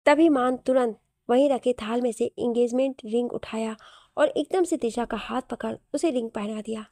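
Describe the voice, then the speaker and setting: A woman's voice: a little high, mellow, no echo, studio quality. A woman storyteller reading a romantic story aloud in scripted narration.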